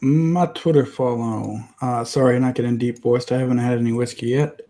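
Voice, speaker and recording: A man's voice: medium pitch, fairly even intonation, moderate pace, warm tone. A man co-hosting a casual podcast, talking hesitantly with lots of restarts. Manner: hesitant, many fillers and restarts. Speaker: podcast co-host. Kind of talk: casual chat.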